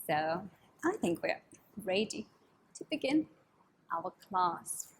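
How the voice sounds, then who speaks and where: A woman teaching a children's yoga story class in an animated, coaxing, sing-song, overbright party-host manner, with a breathy voice. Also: fairly low pitch, slow, a little hiss or hum. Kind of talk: kids' yoga lesson with storytelling.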